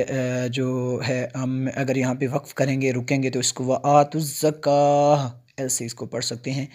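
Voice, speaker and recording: A man teaching tajweed, explaining Quran recitation rules in plain talk with frequent "uh" pauses. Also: medium pitch, a little mellow, breathy edge.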